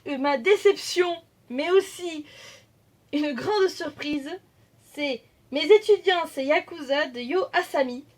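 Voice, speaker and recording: Une jeune femme vloggeuse qui bavarde avec beaucoup d'hésitations et d'autocorrections, filmée au téléphone. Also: female voice, sits high. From France. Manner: chatty, hesitant, many fillers and self-corrections. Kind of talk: casual chat. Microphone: phone camera.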